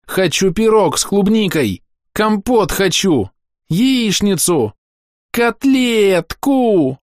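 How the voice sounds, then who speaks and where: A man's voice: high-pitched, big pitch swings, slow, darkish tone, no room sound, studio quality, pitched above the performer's own voice, exaggerated voice. A man reading an audiobook and voicing a spoiled little girl who whines and wails. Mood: whining. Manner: wailing, whiny. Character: whiny spoiled little girl, tantrum-prone.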